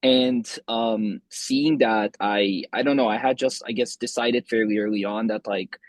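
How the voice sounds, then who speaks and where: A man in his twenties tells his story as a podcast guest, his voice a little husky. He talks loosely and rambles, restarting sentences and filling pauses. The sound is dry and close. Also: fairly low pitch, fairly even intonation, no echo. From Romania. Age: 20s. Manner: rambling, many restarts and fillers. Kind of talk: casual interview chat.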